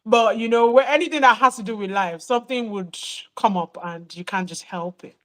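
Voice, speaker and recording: A woman with a Nigerian accent hosts a live online show from a video call. Her voice sits a little high, and she talks in a chatty, easy way, laughing often and apologising readily. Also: brisk, fairly bright tone. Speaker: host.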